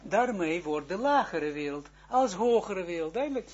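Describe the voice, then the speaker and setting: A man teaching a lesson as a rabbi, often halting and restarting, checking whether listeners follow, and firing off rhetorical questions. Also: sits high, animated, highs cut off. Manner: halting, searching for words, frequent restarts; keeps asking the listeners whether it is clear. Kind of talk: lecture.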